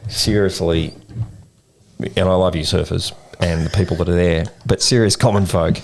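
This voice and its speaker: Gravelly low-voiced Australian man. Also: moderate pace, a little hiss or hum. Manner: rambling, animated storyteller with slang. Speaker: podcast co-host. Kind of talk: casual storytelling chat. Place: in-person podcast recording.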